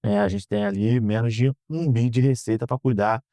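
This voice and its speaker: A Brazilian man in his thirties answering interview questions in an earnest, measured way, often ending phrases with a questioning tag. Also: lowish voice, steady tone, mellow, no echo, studio quality. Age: 30s. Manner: earnest, measured, frequent "né?" tags. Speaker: guest, politician. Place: podcast studio.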